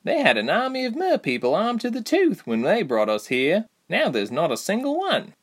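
A sardonic young mermaid friend, voiced by a male narrator. Her lines jump far above his normal pitch with lively, sweeping intonation. She sounds dry and mocking. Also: moderate pace, husky, exaggerated voice. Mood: wry, muttering. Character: sharp-tongued young mermaid friend, wry.

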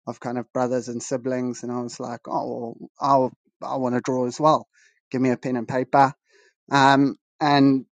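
A guest artist from Zimbabwe tells his story on a casual video-call interview over a weak connection, rambling modestly and repeatedly restarting his own words. His voice is mid-pitched and flat, and the sound is dry and close with no echo.

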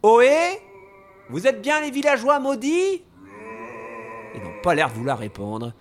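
A man's voice: on the high side, normal speed, a little hiss or hum, pitched above the performer's own voice. A man playing a jumpy, boastful paladin hero. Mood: alarmed. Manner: excitable, exclamatory.

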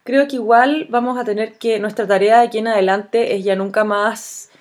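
A Chilean woman of around forty hosting a solo podcast. She talks in a thoughtful, earnest way and pauses often on fillers. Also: fairly high pitch, steady tone, a little mellow. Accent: Chilean Spanish. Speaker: podcast host. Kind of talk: solo reflective podcast monologue.

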